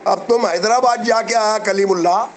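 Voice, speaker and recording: High-voiced man, combative rant. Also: fairly even intonation, normal speed, slight background noise, rough recording. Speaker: commentator addressing investors. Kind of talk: heated video commentary.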